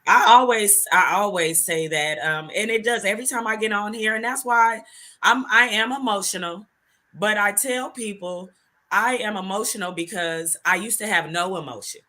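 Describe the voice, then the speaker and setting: A woman's voice: medium pitch, moderate pace, bright, forceful tone. A middle-aged woman hosting a heartfelt conversation, earnest and reflective, tearing up at times. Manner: earnest, reflective, laughs and tears up. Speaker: host and show creator.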